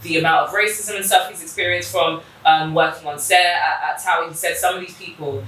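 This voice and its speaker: A woman talks in a lively, expressive way as a guest in a casual chat. Her voice sits a bit low but sounds bright. She is some distance from the mic in an echoey room. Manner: lively and expressive, quick reactions. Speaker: podcast guest.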